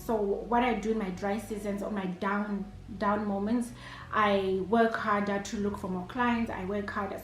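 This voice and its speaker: The speaker is a Zimbabwean chef and entrepreneur in her thirties, giving hesitant interview answers full of fillers and restarts. Her pitch is medium, the room is echoey, and there's slight background noise.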